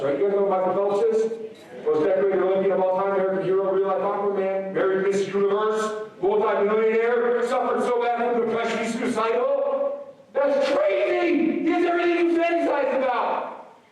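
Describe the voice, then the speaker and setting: A slightly hoarse man giving an energetic motivational speech to a school assembly, swinging between loud peaks and soft asides. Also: high voice, distant mic. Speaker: motivational speaker. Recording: very echoey hall, recorded from afar.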